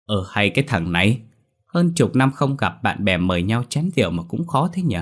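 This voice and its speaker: A man's voice: on the low side, sing-song, normal speed. A man voicing a talkative, teasing village man in his thirties in a storybook reading.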